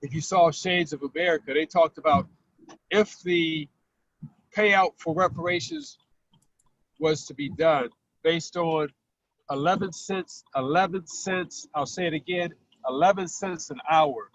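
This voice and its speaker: The caller, a man speaking on car speakerphone to a talk show, walks through facts and repeats the important figures. He speaks unhurriedly in a voice on the high side with a fairly bright tone. There is no echo, though the line from the car is muffled.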